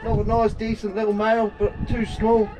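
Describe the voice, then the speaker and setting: A man's voice: high voice, completely flat delivery, a little fast. A young man narrating casually to viewers while hauling fishing pots, counting his catch aloud on a small open boat at sea, picked up by an action camera. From Guernsey. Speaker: fishing vlogger. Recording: loud wind and engine noise. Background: wind, water and boat engine.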